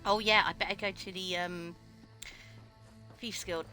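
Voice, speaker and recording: Bright-voiced woman streamer chatting. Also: fairly low pitch, fairly even intonation, a little slow, faint music behind. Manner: chatty, playful asides. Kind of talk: casual gameplay commentary.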